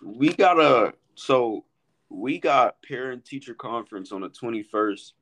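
A young man hosting a casual podcast, relaxed and slangy as he chats and wraps up. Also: medium pitch, unhurried. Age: young adult. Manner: relaxed, slangy, wrapping up the show. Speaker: podcast host. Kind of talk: casual chat.

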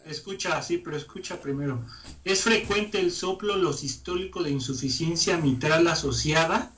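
A man's voice: a little high, normal speed, fairly bright tone, slight background noise. A young man with a Mexican accent who questions the material and swears casually during a study session. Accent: Mexican Spanish. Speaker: medical exam study partner.

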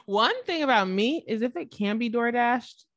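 Woman podcast co-host, lively swooping pitch, dry close sound, casual chat. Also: normal speed, dry recording. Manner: animated, laughs often, acts out quotes.

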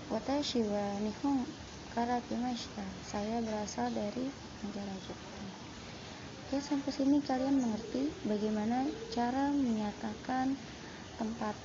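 A woman's voice: on the high side, vocal fry. A woman teaching a Japanese lesson online, patiently repeating and rephrasing with frequent fillers. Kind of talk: online lesson explaining sentence patterns. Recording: lo-fi with steady background noise.

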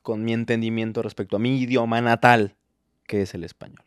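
A man's voice: medium pitch, fairly even intonation, fairly quick, smooth, dry recording, clean studio sound. A young adult man with a Mexican accent, co-hosting a casual podcast chat, rambling and jokey. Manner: rambling, jokey, mock-defensive. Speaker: podcast co-host.

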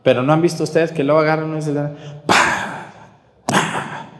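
A man's voice: on the high side, little pitch movement, racing, a little mellow, reverberant, in a large hall. A man with a Mexican accent preaching a sermon during Mass. He scolds the viewers bluntly and asks many rhetorical questions. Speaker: priest.

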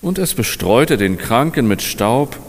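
A man narrating a fairy tale aloud in a slow, measured storytelling manner. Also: medium pitch, very animated. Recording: long hall reverb.

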